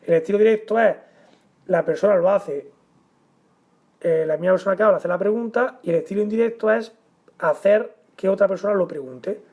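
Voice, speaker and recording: Man teaching a measured grammar lesson. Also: high voice, lo-fi sound. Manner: measured and explanatory, stressing example words.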